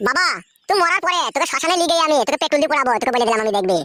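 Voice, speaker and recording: A woman's voice: high-pitched, lively intonation, very fast, bright, forceful tone, no room sound, studio quality, pitched below the performer's own voice. A woman voicing an angry grown child in a comic cartoon, snarling bitter threats at her father. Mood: spiteful.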